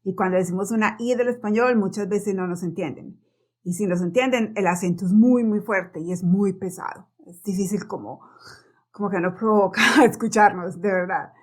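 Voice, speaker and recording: A woman whose first language is Spanish gives a relaxed pronunciation lesson, her voice getting a little worn. She talks in a chatty way, repeats her examples and keeps checking in with a quick "ok?". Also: medium pitch. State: losing her voice. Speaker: English pronunciation teacher. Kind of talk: casual spoken lesson.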